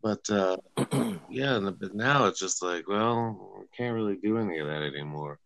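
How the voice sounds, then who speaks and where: A man's voice: lowish voice, moderate pace, vocal fry, fairly bright tone, no echo, poor audio. A man chatting easily as a podcast guest over a video call, telling a loose story. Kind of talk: casual chat.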